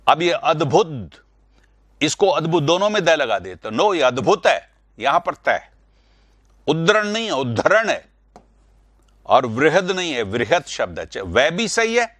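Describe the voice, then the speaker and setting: A man's voice: mid-range voice, fairly bright tone, no echo. A man teaching Hindi spelling and pronunciation in an online class, repeating words to stress the correct sounds and correcting students directly. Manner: addresses students directly, correcting their answers.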